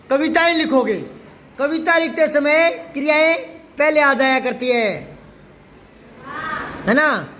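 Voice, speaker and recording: A man teaching a Hindi grammar lesson to a class, patiently repeating example sentences slowly. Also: extremely high pitch, fairly bright tone, a little hiss or hum.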